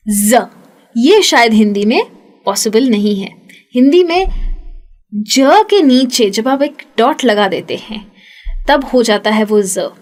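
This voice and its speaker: A young woman teaching English pronunciation, patiently repeating each sound slowly for practice. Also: a little high. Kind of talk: spoken English lesson.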